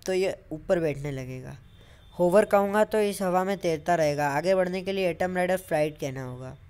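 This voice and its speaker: Woman as cocky male comic superhero, lecturing, short-fused, low-set voice, comic voice-over dub. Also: darkish tone, close to an everyday voice. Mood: boastful. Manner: exasperated, lecturing, hot-tempered. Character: brash young male superhero, bossy and boastful.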